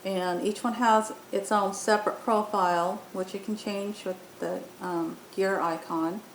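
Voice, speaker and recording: An app demo presenter, a woman, walks through a software tutorial step by step without a script, hesitant but explanatory. Her intonation is fairly even and her pace measured. The voice-over for the screen recording was made in an indoor room, so it carries a roomy echo and a faint rumbling noise.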